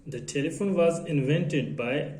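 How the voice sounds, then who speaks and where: Man, grammar teacher, slow halting delivery, slightly high voice, echoey room. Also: a little mellow. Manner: halting, repeats phrases, non-native grammar.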